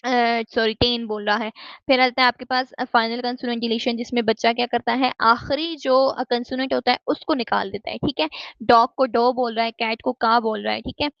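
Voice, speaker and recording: Female lecturer, slightly high voice. Methodical, mixes in English terms. Dull, dry recording. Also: steady tone, a little fast, gravelly, no room sound. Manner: explains step by step, keeps asking "ठीक है?"; mixes English terms into Hindi-Urdu speech.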